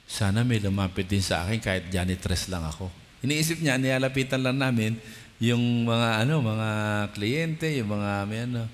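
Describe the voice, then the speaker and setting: A man's voice: medium pitch, slight background noise. A man, a bishop, preaching a Sunday sermon, exhorting the congregation and retelling stories with quoted dialogue. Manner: exhorting, prompts the congregation to respond. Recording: long hall reverb.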